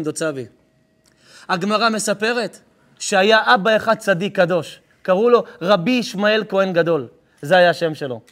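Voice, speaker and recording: A man's voice: high voice, a bit bright. A rabbi giving a live sermon, telling a story with emphasis and calling to his listeners directly. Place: live lesson before an audience.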